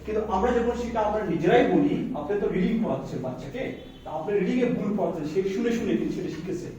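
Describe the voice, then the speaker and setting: A man training teachers in English pronunciation. He quizzes his audience, mixes in English phrases and drills words slowly. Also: high voice, expressive, dark tone, dull audio, slight background noise. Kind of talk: classroom workshop lecture. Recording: echoey room from far off.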